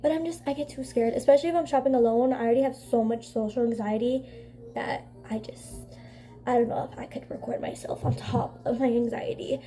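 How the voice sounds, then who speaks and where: Young woman beauty vlogger, high mellow voice, nasal from a cold, loose rambling chat. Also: steady tone, fast, few pauses. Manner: rambling, filler-heavy, says "like" constantly. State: congested from a cold. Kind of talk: casual chatty makeup vlog.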